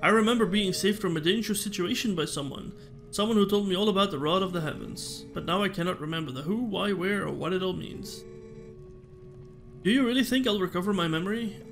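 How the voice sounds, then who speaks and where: A man's voice: high voice, a bit bright. A man reading aloud the lines of an apologetic young village girl who has lost her memory, from a video game.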